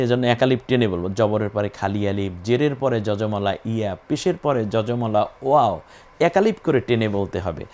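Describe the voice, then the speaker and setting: A man teaching Quran recitation, patiently spelling out and repeating each letter and sound in a methodical lesson. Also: mid-range voice.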